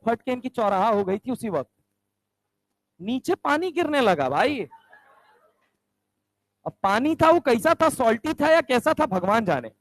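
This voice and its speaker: Animated male chemistry teacher, high voice, dry sound, checks in with the class constantly. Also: no echo, poor audio. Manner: animated, keeps asking the class if they understand. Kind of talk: storytelling chemistry lecture.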